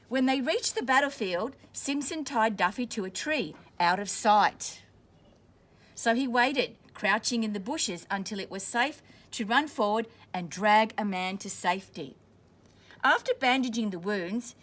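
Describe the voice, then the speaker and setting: A slightly high, somewhat bright female voice belongs to a school staff member reading a picture book to kids. She breaks off at times to explain words simply.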